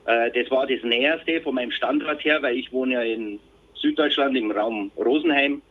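A man in his fifties speaking haltingly as an army reservist recounting in an interview. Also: medium pitch. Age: 50s. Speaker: army reservist sergeant, podcast guest. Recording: husky-sounding tinny phone-like line.

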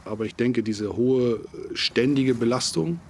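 Halting male military instructor, faint background noise. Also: medium pitch. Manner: halting, hesitant, thoughtful phrasing. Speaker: military instructor being interviewed. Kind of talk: casual podcast interview.

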